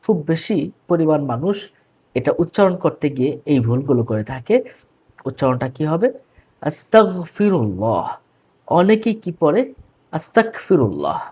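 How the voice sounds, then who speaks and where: Husky Bangladeshi man teaching pronunciation. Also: fairly high pitch, a little mellow. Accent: Bangladeshi Bengali. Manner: drills words slowly, repeating right and wrong forms; addresses viewers formally. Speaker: religious teacher. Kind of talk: religious pronunciation lesson.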